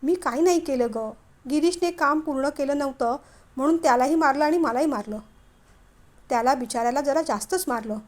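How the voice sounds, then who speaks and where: A woman's voice: high-pitched, brisk, natural voice. A woman voicing an irritable young husband who answers sulkily and snaps sarcastically in a storybook reading. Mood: sulky. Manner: snappish, sarcastic.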